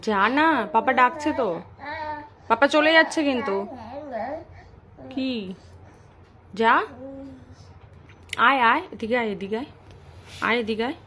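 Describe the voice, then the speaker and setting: A woman's voice: on the high side, a little slow, pauses often, bright, forceful tone. A mother at home coaxing her small child in a repetitive, sing-song manner. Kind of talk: coaxing baby talk.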